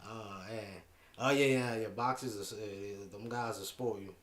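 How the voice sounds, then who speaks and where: A man hosting a podcast in casual chat, slangy and quick to laugh, saying "yeah" over and over. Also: fairly low pitch, fairly even intonation, a bit bright, roomy sound. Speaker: podcast host.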